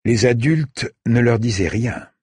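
A man's voice: medium pitch, unhurried, slightly rough. A man narrating a novel, voicing each character in turn. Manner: expressive, acts out each character. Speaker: audiobook narrator. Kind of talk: scripted narration.

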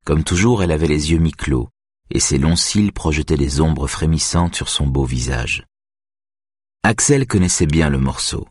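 Male narrator, very low and husky, measured audiobook read. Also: dry recording, studio quality. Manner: even, measured reading.

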